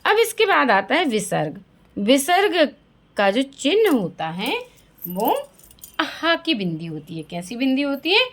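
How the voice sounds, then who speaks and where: Lively woman teaching young children. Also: high voice, unhurried. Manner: asks questions and answers them herself, repeating key words. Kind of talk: classroom lesson for children.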